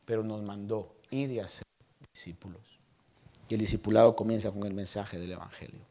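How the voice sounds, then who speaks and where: Storytelling male pastor preaching. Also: medium pitch. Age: 30s. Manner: storytelling, animated voices for quoted people. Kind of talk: sermon.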